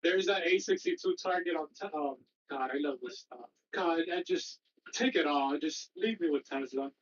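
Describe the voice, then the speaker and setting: A man's voice: a little high, moderate pace, fairly bright tone, recorded from a distance, highs cut off. A man chatting casually while trading live, hesitant with fillers.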